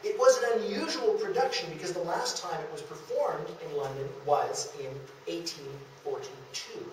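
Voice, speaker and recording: At a moderate pace and with lively intonation, a man who appears middle-aged narrates history in a public slide lecture, performing bits of conversation. His voice is a little high. Recorded by a camera a few metres off in a small, very echoey room at a historic house, with faint noise.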